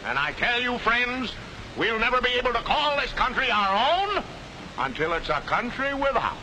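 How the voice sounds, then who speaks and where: An actor in a 1940s film playing a fiery, hectoring street-corner agitator, on a noisy old soundtrack. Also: male voice, extremely high pitch, very animated, normal speed. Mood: ranting. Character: ranting bigoted male rabble-rouser, middle-aged.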